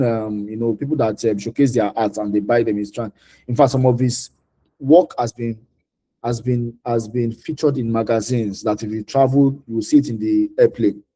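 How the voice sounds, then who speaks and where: Answering questions from an audience, this man offers informal career guidance in a Nigerian accent, restating key ideas for emphasis during the mentoring session. He has a medium-pitched, warm, slightly rough voice.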